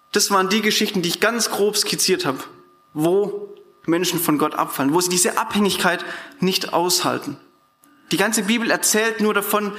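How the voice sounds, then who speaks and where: A man preaching a sermon in an animated, colloquial way, speaking directly to his congregation in a church hall. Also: sits high.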